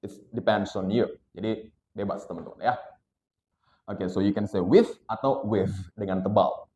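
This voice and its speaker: A man teaching English pronunciation, slowly modeling sounds for learners to repeat. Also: on the low side, fairly even intonation, a little mellow, roomy sound, a little hiss or hum. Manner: slow, drawn-out modeling of sounds, mixing English and Indonesian. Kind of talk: classroom lesson, modeling sounds for repetition.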